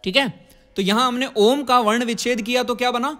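High-voiced man teaching a singing lesson. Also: steady tone, a little fast, bright, forceful tone, faint music behind. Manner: explains step by step, then chants vowel drills. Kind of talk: vocal lesson.

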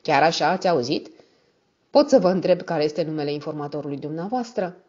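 Old male professor read by a woman: irascible, hostile, harsh, low-pitched. Muffled, lo-fi audiobook. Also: expressive, a little mellow, husky. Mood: cold. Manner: harsh, raised voice.

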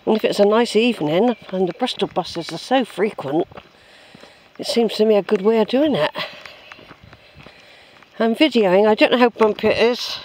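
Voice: mid-range voice, moderate pace, pauses often, darkish tone. Chatty walking vlogger musing aloud, noisy outdoor recording. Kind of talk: rambling casual commentary while walking. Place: outdoors on a woodland track. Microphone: handheld camera's built-in microphone. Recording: outdoor handheld recording with clear noise.

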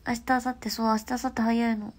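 A young woman with a stuffy nose, chatting casually on a phone livestream and often dropping into soft half-whispers. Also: a little high, little pitch movement, fast. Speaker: livestream host.

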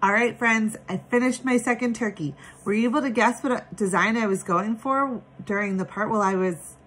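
Woman, 30s, children's craft presenter. Bright, higher-pitched voice, upbeat and playful, casual delivery. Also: husky, poor audio. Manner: upbeat, addressing children as friends, with playful reveals. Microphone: phone at arm's length.

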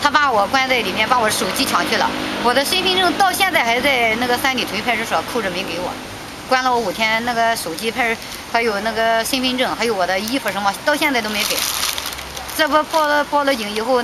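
A woman giving emotional spoken testimony, halting and repeating herself, her voice rising when agitated, recorded outdoors. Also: a little high, noisy background. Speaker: petitioner's sister recounting events.

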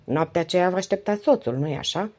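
Patient male police commissioner, short pointed questions, low husky voice, read by a woman. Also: expressive, warm tone. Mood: probing.

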